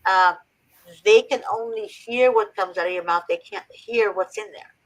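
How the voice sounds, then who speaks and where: A woman's voice: mid-range voice, normal speed, poor audio. A woman from Egypt hosting a faith-based advice talk, earnest and preachy with emphatic repetition. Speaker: host.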